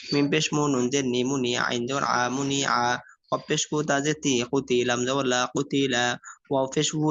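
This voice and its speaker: Man slowly drilling Arabic letter sounds. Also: medium pitch. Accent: Bangladeshi Bengali. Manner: slow drilling, spelling out syllables. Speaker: Arabic reading teacher. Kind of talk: online reading lesson. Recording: dull lo-fi sound.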